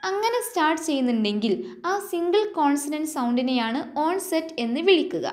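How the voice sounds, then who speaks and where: A woman with a Malayali accent teaching an exam-prep lesson. She dictates definitions slowly and asks the viewer check questions. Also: high voice. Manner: slow English definitions dictated, then explained. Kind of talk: exam-prep lecture mixing Malayalam and English.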